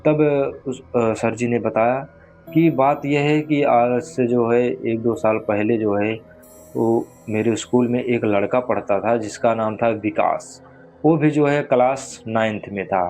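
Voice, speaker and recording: A man's voice: mid-range voice, steady tone, measured pace, a little mellow. A man telling a spooky story in a loose, conversational way, full of filler phrases. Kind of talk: casual spoken horror storytelling. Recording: clear music bed under the voice. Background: background music.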